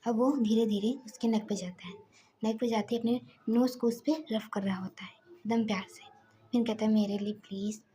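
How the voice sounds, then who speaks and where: A woman narrating a romantic story in a casual, soft and often half-whispered way. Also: on the high side, steady tone, normal speed, slight background noise.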